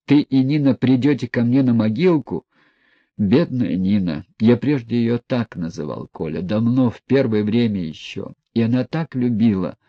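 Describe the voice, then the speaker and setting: A man voicing a broken, rambling old retired general in an audiobook, pleading and lamenting in slow, halting phrases. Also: mid-range voice, mellow, dry recording, dull audio.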